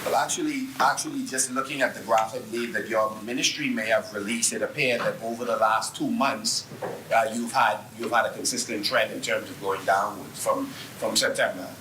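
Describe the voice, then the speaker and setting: A Bahamian man from Nassau, an opposition member of parliament, probing the government in debate, halting and restarting his sentences. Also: lowish voice, fairly even intonation, recorded from a distance, background noise. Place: parliament chamber. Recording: echoey chamber, off-mic.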